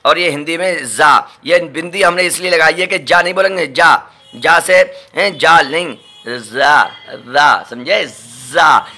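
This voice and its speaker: A man with a Delhi accent gives a patient lesson on letter sounds. His voice sits a little high and rings very bright. He repeats each sound slowly and keeps asking whether the learner follows. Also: soft background music. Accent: Delhi Hindustani. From India. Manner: repeats each letter slowly, often checks with "ठीक है" and "समझे". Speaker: imam teaching Quran letters. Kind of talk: patient step-by-step recorded lesson.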